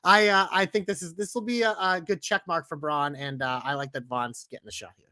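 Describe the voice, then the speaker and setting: Bright, high-voiced podcast co-host man. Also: fairly even intonation, no echo, clean studio sound. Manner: crude, enthusiastic, fast banter. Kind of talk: casual wrestling chat.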